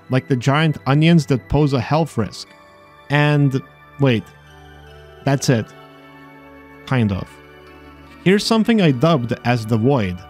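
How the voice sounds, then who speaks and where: A video host exploring games narrates a scripted video game voice-over in a slightly high, a little mellow voice, with dry, sarcastic asides along the way. Faint game music sits in the background.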